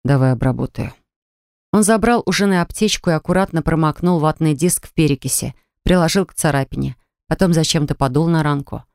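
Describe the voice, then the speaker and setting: A woman narrating a novel chapter in an even, measured storytelling manner. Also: sits low, dry recording, studio quality. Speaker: audiobook narrator. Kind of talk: scripted narration.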